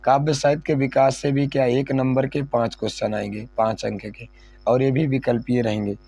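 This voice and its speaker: A man's voice: medium pitch, level tone, brisk, dark tone, soft background music. A male teacher going over an exam syllabus, repeating key points and asking questions he then answers himself. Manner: repetitive, asks and answers own questions.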